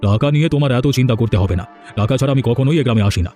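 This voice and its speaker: A man's voice: mid-range voice, very fast, warm tone, soft background music, pitched below the performer's own voice, close to an everyday voice. A man voicing a shady, threatening buyer in a cartoon. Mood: menacing.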